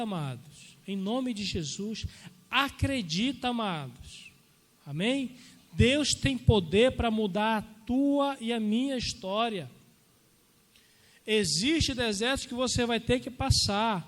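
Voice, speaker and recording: High-pitched male preacher, fervent, hushed then shouting, long church-hall reverb. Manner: fervent, swings between hushed pleading and loud exhortation; calls out "amém?" and "amados" to the congregation. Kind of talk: Pentecostal sermon.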